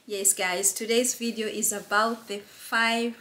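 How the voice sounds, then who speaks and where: A woman's voice: on the high side, flat delivery, measured pace, bright, forceful tone, a little hiss or hum. A middle-aged woman from Uganda, chatting casually and earnestly to camera as a friendly vlogger. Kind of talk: casual vlog chat to camera.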